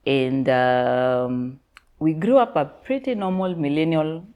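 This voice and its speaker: Low-voiced Kenyan woman telling her story. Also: takes it slowly, muffled recording. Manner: candid, laughs often, mixes in Swahili slang. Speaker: guest. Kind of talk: personal storytelling interview.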